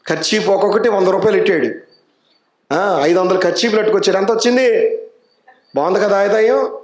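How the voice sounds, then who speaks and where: A man's voice: high-pitched, echoey room. A man with an Andhra Telugu accent preaching a sermon as an evangelist, asking the congregation rhetorical questions and telling stories in quoted voices. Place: church anniversary meeting hall.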